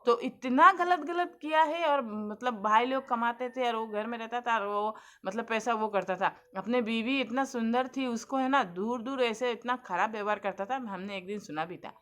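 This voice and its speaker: A young adult woman speaks to her viewers in a casual, earnest monologue, giving homely advice about family life. Her voice sits a little high, and she talks with a preachy warmth. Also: moderate pace, hardly any pauses. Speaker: vlogger.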